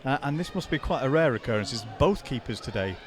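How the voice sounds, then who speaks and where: A man's voice: medium pitch, lively intonation, fast. A man doing co-commentary on a football stream, offering dry, self-deprecating banter with frequent stumbling restarts. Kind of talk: casual commentary chat. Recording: noisy outdoor stadium crowd.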